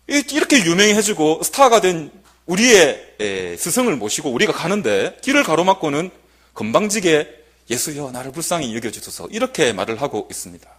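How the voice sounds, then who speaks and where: A young man preaching a sermon as a junior pastor in a church, swinging from loud proclamation to hushed asides. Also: on the high side.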